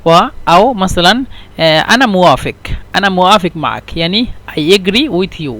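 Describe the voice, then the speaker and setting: A man teaches a language lesson in a high voice. He explains patiently and repeats each phrase several times, moving between Arabic and English as he goes. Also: expressive, a bit bright. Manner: slow, repetitive explanations mixing Arabic and English.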